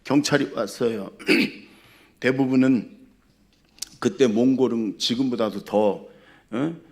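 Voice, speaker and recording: A male pastor preaching a sermon, swinging between loud exhortation and quiet storytelling. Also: medium pitch, takes it slowly. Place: church sanctuary.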